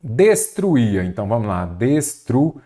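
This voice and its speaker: Male teacher, online exam prep, animated, swooping intonation, direct address to viewers. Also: mid-range voice, normal speed. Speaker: Portuguese teacher.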